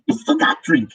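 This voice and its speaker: A man's voice: fairly bright tone, low-quality recording. A man hosting a casual livestream, talking in a chatty, rambling way with many restarts. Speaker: livestream host. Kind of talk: casual chat.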